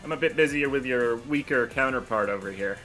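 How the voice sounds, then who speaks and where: A cocky young fighter tosses off dry, taunting remarks at his opponent, as a man plays him. The voice stays close to the player's own everyday speech, with a mid-range pitch. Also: fairly quick, sharp tone, soft background music, natural voice.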